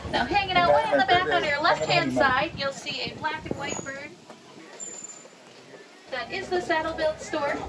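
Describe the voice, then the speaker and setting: Far from the mic, a woman with a high-pitched voice gives live safari tour commentary. She speaks directly to riders in an informative way. Loud crowd chatter and vehicle noise surround her voice. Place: open safari truck outdoors. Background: crowd, rumbling vehicle, outdoor ambience.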